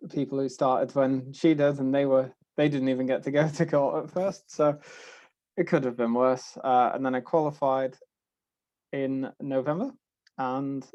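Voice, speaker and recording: A young man with a Liverpool accent talks as a guest on a video-call panel, in a voice of middling pitch. His manner is relaxed and wry, with easy fillers and restarts. The sound is dry and close. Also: normal speed, no room sound. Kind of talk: casual talk on an online panel.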